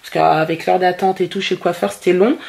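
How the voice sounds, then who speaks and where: A woman chatting casually about daily family life as a vlogger, with a gravelly, creaky voice. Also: on the low side, fairly even intonation, fairly quick, darkish tone. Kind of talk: casual vlog chat.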